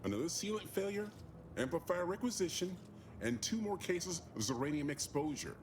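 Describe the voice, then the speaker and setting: An actor playing a weary, stubborn chief mechanic in a video game. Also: male voice, fairly high pitch, sing-song, normal speed, noisy background. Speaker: game character.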